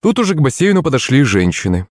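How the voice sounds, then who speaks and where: A man narrates a comic fantasy story in the first person with a wry storytelling touch. His pitch moves up and down freely, and the recording is close and dry with no room sound. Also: very animated, fast, dry recording. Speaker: audiobook narrator.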